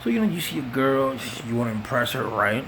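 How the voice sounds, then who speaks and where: Noisy surroundings frame a Bronx-born comic whose mid-range voice runs sing-song and a little quick. In a New York accent, he tells stand-up stories in profane street language, performing the voices of those he quotes.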